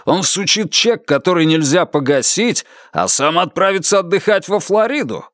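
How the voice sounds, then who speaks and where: A man's voice: a little high, lively intonation, unhurried, a bit bright, no room sound, studio quality, voice pushed up. A man voicing a brash, bullying man who blusters and threatens. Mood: scornful.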